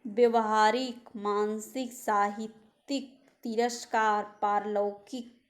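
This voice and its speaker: A woman teacher going slowly through word lists in an exam-prep lesson, pointing out common spelling mistakes. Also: mid-range voice, little pitch movement. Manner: slow, reads out word lists and corrects common misspellings.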